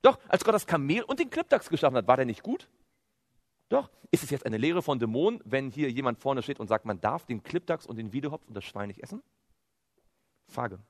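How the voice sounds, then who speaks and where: A man with a medium-pitched voice preaches a sermon fairly quickly. He's animated, quoting scripture and firing off rhetorical questions that he answers himself, and a long hall reverb surrounds him.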